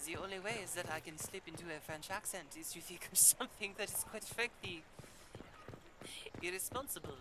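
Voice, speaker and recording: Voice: medium pitch, fairly quick, background noise. A streamer playing a game, reading in-game texts and making jokey asides. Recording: game music playing behind. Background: game music.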